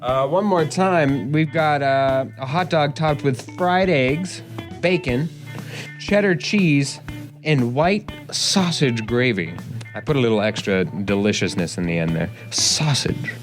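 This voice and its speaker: Young male podcast co-host, joking quiz-master energy, medium pitch, faint music behind. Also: unhurried. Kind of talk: casual sports podcast chat.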